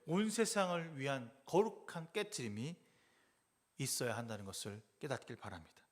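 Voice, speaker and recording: A male pastor delivering a Sunday sermon in church. He moves between hushed, near-whispered lines and loud, emphatic calls, and acts out quoted voices in conversational asides. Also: medium pitch, normal speed. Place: church sanctuary.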